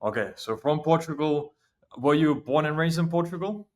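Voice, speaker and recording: A man's voice: a little high, normal speed, a little mellow. A man interviewing a guest with brief, plain prompts and questions.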